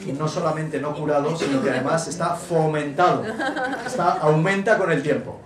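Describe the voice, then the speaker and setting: A middle-aged man, telling stories as an author guest in a relaxed, jokey way and acting out quotes. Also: fairly high pitch, moderate pace, crowd noise. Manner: animated, jokey, acts out quotes. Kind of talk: relaxed storytelling talk. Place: event hall before an audience. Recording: echoey venue, distant mic, faint noise.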